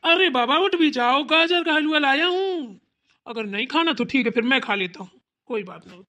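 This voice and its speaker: A protective elder brother in a cartoon family story, as a performer plays him, doting on his sister and quick to scold. His voice sits high for a man and sounds very bright and sharp. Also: lively intonation, exaggerated voice. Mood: teasing. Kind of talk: cartoon voice acting.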